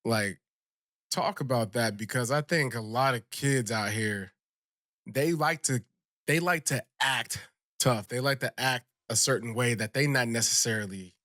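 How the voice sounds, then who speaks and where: A man hosting a podcast who laughs along, throws in quick quips, and asks the guest questions in a relaxed way. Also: medium pitch, dry recording, studio quality. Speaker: podcast host. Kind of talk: casual interview chat.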